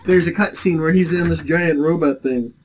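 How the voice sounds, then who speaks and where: A man's voice: fairly high pitch, normal speed. A young man giving casual gameplay commentary as co-host, explaining tips with hesitant restarts. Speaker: let's play co-host.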